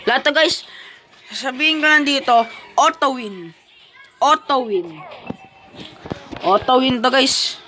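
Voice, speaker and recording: Casual woman gamer, playful running commentary, a bit high, noisy room. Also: measured pace, pauses often, bright, forceful tone. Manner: playful, chatty, self-talking while playing. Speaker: gaming vlogger.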